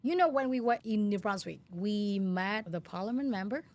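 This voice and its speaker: An expressive, medium-pitched voice at moderate pace belongs to a woman in her thirties from Hanoi, Vietnam. With a Vietnamese accent and non-native phrasing, this educator and CEO earnestly tells her story as an interview guest.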